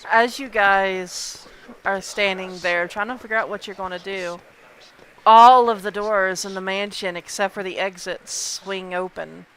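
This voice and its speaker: A man running a tabletop game as dungeon master, narrating slowly and drawing out his lines over a voice call. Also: sits high, steady tone, bright, forceful tone, clear, resonant tone. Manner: slow, drawn-out narration.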